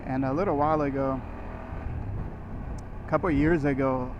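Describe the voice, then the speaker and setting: A man's voice: medium pitch, fairly even intonation, normal speed. A man who grew up in Brazil, talking casually and rambling as he rides a motorcycle through city traffic, recorded on a helmet mic. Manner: rambling, with restarts and short laughs. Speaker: motorcycle vlogger. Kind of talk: casual riding commentary. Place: riding a motorcycle on city roads. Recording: muffled helmet audio with road noise.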